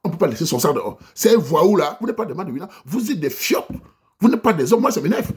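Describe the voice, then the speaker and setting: A man's voice: high voice, sing-song, fast, slight background noise. A man from Cameroon with a Cameroonian French accent, delivering an impassioned monologue rant as a vlogger, preaching and exhorting his listeners directly. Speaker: vlogger addressing his diaspora audience.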